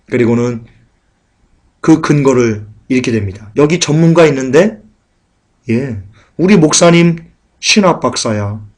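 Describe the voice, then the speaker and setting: A man preaching a sermon in dramatic style, acting out mocking crowds and loud shouted warnings. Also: medium pitch. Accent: Korean.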